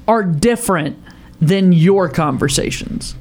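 A man's voice: high-pitched, lively intonation, unhurried. A man hosting a casual sports talk show, blunt and steering the banter along. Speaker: sports radio show host.

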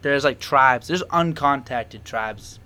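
A man's voice: medium pitch, takes it slowly. A young man chatting casually and rambling, with lots of fillers and frequent laughs. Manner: rambling, animated, laughs often, many fillers. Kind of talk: casual chat.

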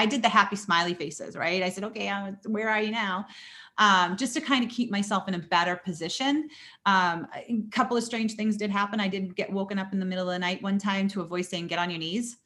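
A woman guest on a podcast interview, telling her story in an animated way with frequent laughs, fillers and restarts. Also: on the low side.

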